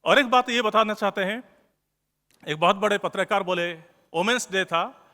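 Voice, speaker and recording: High-voiced man speaking in a hall. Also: moderate pace, sharp tone. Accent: Odia. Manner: earnest, repeats key phrases for emphasis. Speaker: news channel editor. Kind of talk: conference speech. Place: large conference hall. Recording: long hall reverb.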